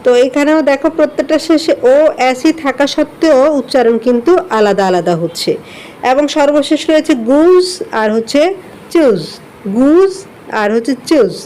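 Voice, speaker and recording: High-voiced woman teaching English pronunciation. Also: lively intonation, moderate pace, darkish tone. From Bangladesh. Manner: patient, explains pronunciation word by word with spelling. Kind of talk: online class lesson.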